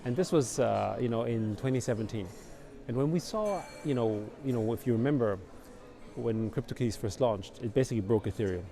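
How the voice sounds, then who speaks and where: A middle-aged man from Austria, a company founder, answering interview questions in a relaxed, rambling way full of fillers. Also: mid-range voice, fairly quick, gravelly. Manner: relaxed, rambling, many fillers like "you know" and "basically". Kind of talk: conversational interview. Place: outdoors at a busy conference venue. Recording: crowd chatter behind. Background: crowd noise.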